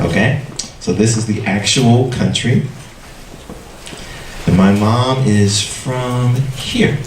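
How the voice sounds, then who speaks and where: Male speaker, low voice, slow delivery, friendly, often asks "okay?", roomy hall recording from a distance. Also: slight background noise. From United States. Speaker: lecturer. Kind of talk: public talk to an audience. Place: lecture hall. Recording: echoey hall, faint ambience, mic at a distance.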